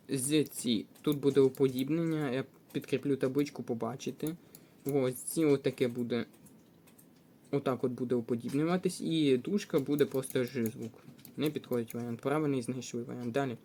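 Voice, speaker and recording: A man with a Ukrainian accent teaches a lesson at an even, middle pitch. He goes through test answers one by one, methodical, pausing and thinking aloud as he goes. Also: a little hiss or hum.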